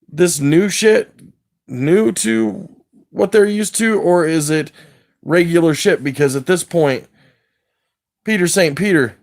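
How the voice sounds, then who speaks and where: A higher-pitched man with a gravelly, creaky edge rants on a livestream. He sounds wired and agitated, rambling between thoughts and cursing freely. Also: a little mellow. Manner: swears heavily.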